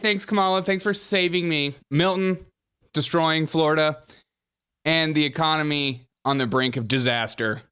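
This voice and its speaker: A man hosting a political commentary show, sarcastic, mocking and energetic. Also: on the high side. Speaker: host.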